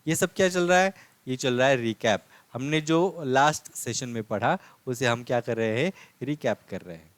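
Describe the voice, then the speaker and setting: A man's voice: medium pitch, normal speed, no echo. A man teaching a language lesson, patiently repeating points and answering his own questions. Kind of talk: classroom lesson explaining script.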